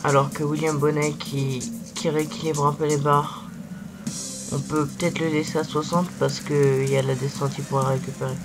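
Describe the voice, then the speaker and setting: Young man with sick, swollen-tonsil voice, flat delivery. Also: fairly high pitch. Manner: halting, repeats words while searching. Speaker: gaming video host. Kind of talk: casual cycling game commentary. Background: loud music.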